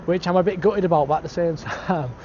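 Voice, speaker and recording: A British man talks casually to his vlog in a laddish, slangy way. His voice sits a little high. The outdoor recording is slightly dull, with faint city noise behind him. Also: fast, a little mellow. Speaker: travel vlogger. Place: outdoors in city streets and park.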